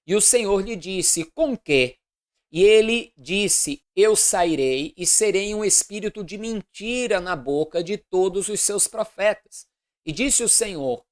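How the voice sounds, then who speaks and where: A woman's voice: mid-range voice, darkish tone. Woman reading scripture aloud. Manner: measured, deliberate reading aloud. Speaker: Bible reader.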